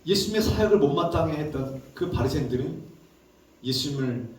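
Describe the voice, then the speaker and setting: Pastor guy preaching, kinda high voice, repeats himself, lots of rhetorical questions, super echoey church from far off. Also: animated, fairly quick, darkish tone. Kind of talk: sermon. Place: large church sanctuary. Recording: very echoey hall, distant mic.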